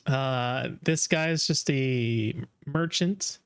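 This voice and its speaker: A man's voice: mid-range voice, takes it slowly, clear, resonant tone. A man giving casual, off-the-cuff live commentary as a streamer reacting to game trailers.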